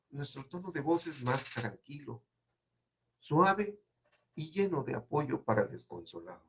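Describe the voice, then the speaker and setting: On a dull, lo-fi recording, a man delivers an academic seminar presentation in a measured, explanatory way, hesitating now and then. His voice is fairly high and husky.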